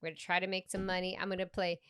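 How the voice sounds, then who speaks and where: A woman's voice: lowish voice, rapid-fire, clear, resonant tone, no echo, studio quality. A young woman from Peru co-hosting a casual comedy podcast. She tells stories with lots of animation, laughs often, and drops into Spanish mid-sentence. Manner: animated storytelling, switching between English and Spanish, frequent laughs. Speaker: podcast co-host and stand-up comedian.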